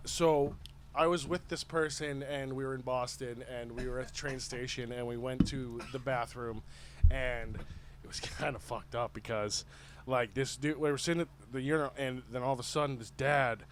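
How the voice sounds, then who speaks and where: A man's voice: medium pitch, slight background noise. A man co-hosting a podcast, telling rambling stories in casual chat, laughing often and swearing freely. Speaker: podcast co-host.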